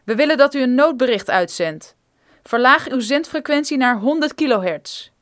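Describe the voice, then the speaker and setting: A woman reading an audiobook, voicing a curt armed man who gives loud, clipped orders. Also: sits high, sing-song, fairly quick, pitched above the performer's own voice. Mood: commanding.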